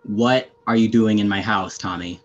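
A man's voice: on the low side, steady tone, normal speed, close to an everyday voice. A young man playing a stern, weary, menacing anarchist fighter, curt and sardonic, in an amateur video game role-play drama. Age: young adult. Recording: muffled lo-fi headset audio.

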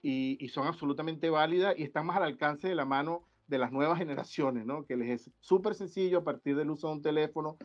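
Man on a muffled video call. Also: a little high. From Venezuela. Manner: halting, with many restarts and fillers. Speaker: guest researcher. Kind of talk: academic video-call panel talk. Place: indoor room. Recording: dull lo-fi video-call audio.

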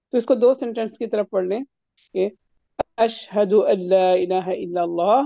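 A woman's voice: a little high, vocal fry, no room sound, highs cut off. A woman teaching a recitation class, patiently correcting her students' pronunciation step by step over an online call.

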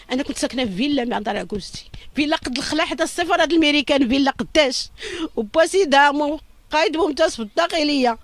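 A middle-aged woman with a Moroccan Arabic accent gives an emotional interview as a victim's mother, talking in an urgent, lamenting and pleading way. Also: high voice.

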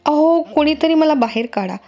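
A woman's voice: sits high, animated, normal speed, darkish tone, lo-fi sound. A woman voicing a proud, fiery young princess in a storybook reading, with a heated, raised delivery. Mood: pleading.

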